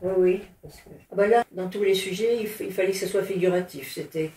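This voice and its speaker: A woman's voice: on the low side, quick pace, dark tone. An older woman, an artist, recalling past work in a chatty, hesitant way with many restarts. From France. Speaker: artist interviewed. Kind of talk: casual recollection. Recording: echoey room, faint noise.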